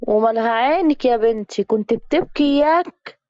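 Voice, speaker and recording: A woman voicing a gentle, doting old grandfather. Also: on the high side, moderate pace, dry recording, natural voice. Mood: tender. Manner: gentle, coaxing. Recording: dull, dry recording.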